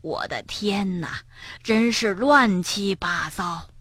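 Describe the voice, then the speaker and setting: A woman doing a soft, slow old grandma bear. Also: fairly high pitch, slightly rough, no room sound, exaggerated voice. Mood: gentle. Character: kind old grandmother bear, gentle and worried.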